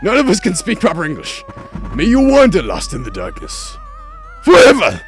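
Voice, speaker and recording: A man doing hoarse mocking ghosts. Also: extremely high pitch, wildly swooping pitch, normal speed, soft background music, pitched above the performer's own voice, heavily acted. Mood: taunting. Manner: mocking, sinister taunts. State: hoarse from illness. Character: taunting spooky ghost gang.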